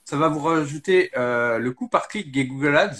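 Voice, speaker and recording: A man's voice: fairly high pitch, moderate pace, fairly bright tone. A man talking casually as an interview guest, explaining things step by step with many hesitations. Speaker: SEO guest.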